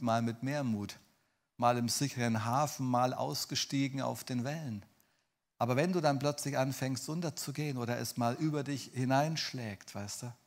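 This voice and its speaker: Male preacher, sermon, dramatic swings from loud to hushed, talks right to the listener. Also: mid-range voice. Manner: addresses listeners directly with frequent "ne?".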